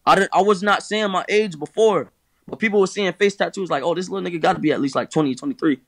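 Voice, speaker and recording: A man's voice: high-pitched, fast, fairly bright tone, no room sound. A nineteen-year-old man in candid conversation, talking emphatically and profanely, repeating himself and ending lines with "bro". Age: teens. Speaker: rapper guest.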